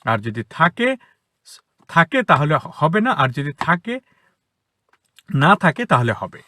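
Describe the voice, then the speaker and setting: A man's voice: fairly high pitch, sing-song, sharp tone, dry recording, studio quality. Bengali-accented man teaching English in a car. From Bangladesh. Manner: explanatory, repeats example words slowly. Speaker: English teacher, academy founder. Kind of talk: spoken English lesson for children. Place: inside a parked car.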